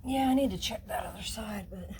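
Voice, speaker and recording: Amid background noise, a car DIY vlogger briskly narrates her outdoor detailing job, chatty and meandering with many fillers. Her voice is medium-pitched with noticeable vocal fry.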